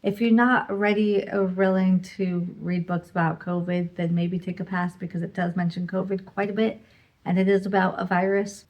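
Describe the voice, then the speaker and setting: A woman talks through her monthly book wrap-up in a loose, chatty way, full of fillers and asides. Her voice sits at a middling pitch with a gravelly, creaky edge. It sounds like a relaxed vlog about her reading. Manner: chatty, rambling, lots of "like" and "you know". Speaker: book reviewer.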